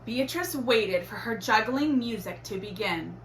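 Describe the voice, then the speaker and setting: A woman reading a children's storybook aloud in an expressive, deliberate teacherly way. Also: a little high. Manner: animated, deliberate storytelling with acted exclamations. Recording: roomy echo, faint background noise.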